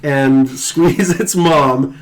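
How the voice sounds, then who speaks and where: Higher-voiced man casually recapping a film. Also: extremely slow. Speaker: podcast host.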